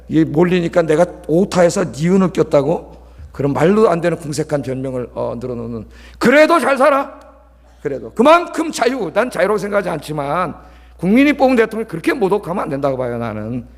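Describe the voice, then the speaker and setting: High-voiced pastor in a reverberant church. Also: male voice. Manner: talkative, scolding asides with frequent "예?" checks to the congregation. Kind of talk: sermon. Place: large church sanctuary. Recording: long church hall reverb.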